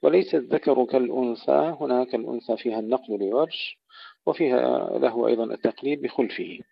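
A man teaching Quran recitation rules, explaining variant readings and slowing down to recite example verses. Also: medium pitch, vocal fry, breathy edge, dry recording. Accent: Arabic. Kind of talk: tajweed lesson with recited verses. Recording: dull, dry lo-fi audio.

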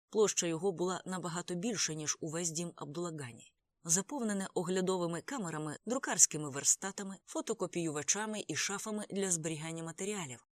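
An audiobook narrator reading a first-person novel in a measured, steady storytelling manner. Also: medium pitch, dry recording, clean studio sound.

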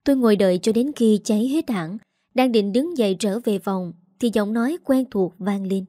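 Mellow-voiced woman narrating a sad tale. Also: mid-range voice, normal speed, no echo, clean studio sound. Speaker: storyteller. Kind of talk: scripted first-person narration.

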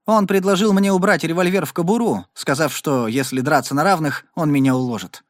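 A man doing a cool, calm gunslinger. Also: a little high, fairly quick, dry recording, clean studio sound, close to an everyday voice. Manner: calm, even, unboastful. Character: cool, fearless young male gunman.

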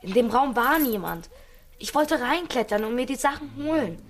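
In a children's radio play, an actor with an expressive, natural mid-range voice plays a tough street kid at a moderate pace, sounding matter-of-fact, wry and teasing, with a bitter edge. It was recorded in a studio with faint music and slight background noise.

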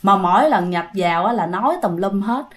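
A woman's voice: mid-range voice, expressive, a little fast. A woman with a Southern Vietnamese accent telling a ghost story in a chatty, casual way, addressing her listeners directly.

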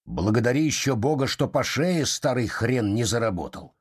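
A man's voice: mid-range voice, lively intonation, moderate pace. A man playing a surly threatening yard keeper. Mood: menacing. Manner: rough, menacing, insulting. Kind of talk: audiobook character reading.

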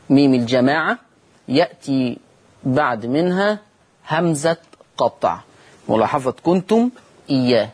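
A man's voice: medium pitch, slightly rough. A man with an Egyptian Arabic accent teaching Quran recitation rules on a broadcast lesson. He asks questions and answers them himself, and stretches out the example words as he recites them.

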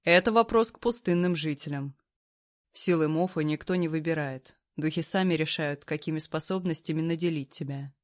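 A man's voice: a little high, normal speed, dry recording, clean studio sound, close to an everyday voice. A woman reading a storybook voices a laid-back, teasing retired emperor who talks in an easygoing, offhand way. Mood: calm.

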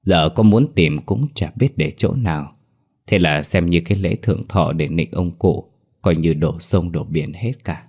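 A man narrating a ghost story in a steady, wry storytelling manner. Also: low voice, a little slow, breathy edge.

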